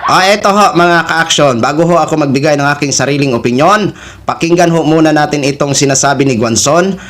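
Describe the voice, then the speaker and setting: A man's voice: on the high side, fairly quick, fairly bright tone, a little hiss or hum. A man, hosting a reaction video and speaking politely and casually to his viewers. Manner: polite, uses respectful "ho" and "po".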